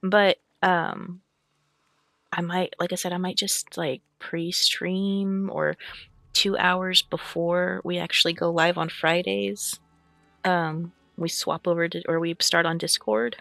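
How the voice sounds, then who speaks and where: Speaking slowly in a level, mid-range voice with a sharp tone, a VTuber and lore-book streamer chats casually with lots of fillers and throat clearing, then moves on to reading a fantasy book. The audio has no echo and faint music behind it, and the speaker is hiccuping.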